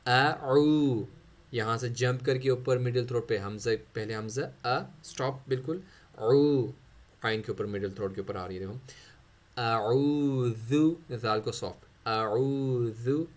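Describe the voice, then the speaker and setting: A man teaching Quran recitation in Urdu with a Pakistani accent. He spells out letters and stretches each sample word slowly between quick explanations. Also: mid-range voice, fairly even intonation. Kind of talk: tajweed lesson, spelling out letters and drawn-out recitation.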